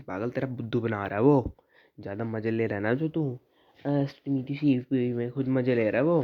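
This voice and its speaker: A man's voice: medium pitch, highs cut off. A young man doing casual let's-play commentary, chatty, teasing the characters and reading their lines aloud. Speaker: gaming YouTuber.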